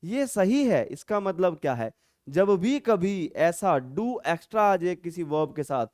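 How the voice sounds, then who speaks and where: High pitched guy teaching english grammar, quizzes the viewer, dry close sound. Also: big pitch swings, unhurried, darkish tone, dry recording. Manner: explains step by step, asking the viewer rhetorical questions; acts out emphatic retorts in an insistent tone. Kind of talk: classroom-style grammar lesson.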